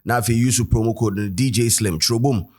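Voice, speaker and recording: Slightly rough and a little mellow, this man's mid-range voice carries a Ghanaian accent at a moderate pace. As host and commentator of a casual editorial show, he speaks loosely and chattily, full of fillers, moving back and forth between English and Twi.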